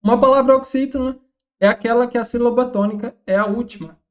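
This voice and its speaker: Brazilian woman tutor, higher-pitched, methodical walkthrough of test answers. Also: steady tone, fast talker. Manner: methodical, reads questions then rules out options. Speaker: Portuguese exam tutor. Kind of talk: scripted exam-question walkthrough.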